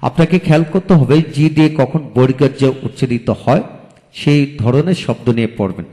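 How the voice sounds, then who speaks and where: A male English teacher giving a recorded video lecture, spelling each word letter by letter and then repeating it slowly. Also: mid-range voice, lively intonation, mellow, big-room sound.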